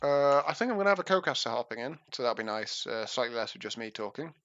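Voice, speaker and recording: A man's voice: mid-range voice, animated, fast talker, a bit bright, smooth, no room sound, dull audio. A man casting an esports match live, with casual, self-mocking patter, heard through a livestream headset microphone. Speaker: esports caster. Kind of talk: live game commentary.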